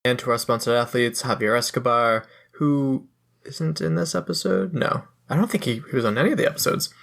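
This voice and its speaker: A man's voice: mid-range voice, a little fast, creaky, a bit bright. Teasing man in casual podcast chat. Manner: teasing, laughs mid-sentence.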